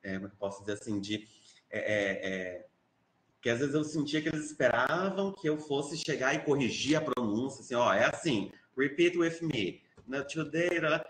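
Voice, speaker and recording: A man's voice: mid-range voice, animated, fairly quick, a bit bright, a little hiss or hum. A man with a Brazilian accent, an English teacher talking in an online seminar, hesitant with many fillers and restarts, livelier when quoting his students. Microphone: video call. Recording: roomy echo on a video call.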